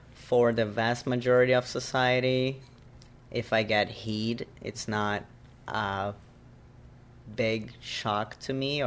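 Low, gravelly man. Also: slight background noise. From Brazil. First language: Portuguese. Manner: thoughtful, searching for words, laughs lightly. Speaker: oral history interviewee. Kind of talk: reflective personal interview.

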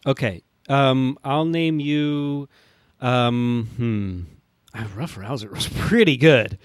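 A man's voice: slow, clear, resonant tone, no room sound. Hesitant guy on a comedy podcast, lots of ums, mid voice, dry sound. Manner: hesitant, full of fillers and restarts while pitching ideas. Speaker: podcast co-host. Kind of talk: casual comedic chat.

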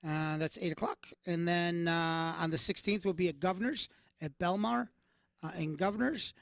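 A high-voiced man co-hosting a podcast, talking loosely and filling pauses with uhs. The sound is dry and close. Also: gravelly, a bit bright, no room sound. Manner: rambling, loose, filler-heavy. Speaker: comedy touring performer and podcast co-host. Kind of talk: casual chat.

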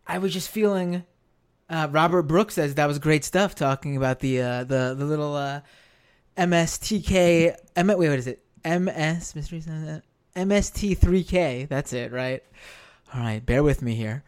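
American guy hosting a livestream, voice kinda shot and hoarse, highish pitch, rambles and repeats himself. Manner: rambling, halting, repeats phrases emphatically. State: hoarse, voice worn out. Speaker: live stream show host. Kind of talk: casual unscripted live-stream talk.

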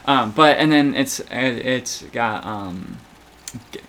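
A man chats casually, his speech halting and full of stammers and restarts. His pitch sits in an ordinary middle range. A faint hiss of background noise sits under his voice. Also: fairly bright tone. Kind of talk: casual chat.

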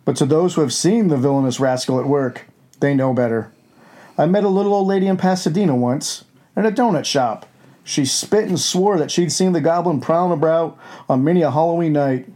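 A man puts on a wolfman hosting a campy horror show. The voice is dark and mellow, a little raised in pitch. He tells gleefully crude tales in a hammy, scripted way. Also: brisk, natural voice. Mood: gleeful, ghoulish. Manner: hammy, alliterative, storytelling.

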